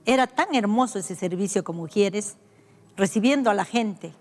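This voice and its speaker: An older woman pastor from Peru, with a Peruvian accent, telling her life story as a personal testimony, reflective and heartfelt, pausing and restarting. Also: mid-range voice, lively intonation, in a large hall, faint music behind. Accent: Peruvian Spanish.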